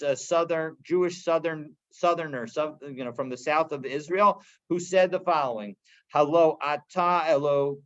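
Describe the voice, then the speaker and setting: A man teaches a daily Talmud class, reading Aramaic phrases aloud and explaining them line by line. His voice sits a little high, and he talks casually with many restarts and fillers. The recording sounds dull and lo-fi.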